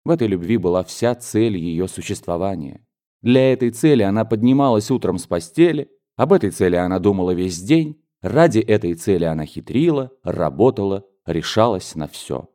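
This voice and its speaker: Male narrator with a dark, mellow voice. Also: lowish voice, expressive, normal speed. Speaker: audiobook narrator. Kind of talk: audiobook reading of a classic novel.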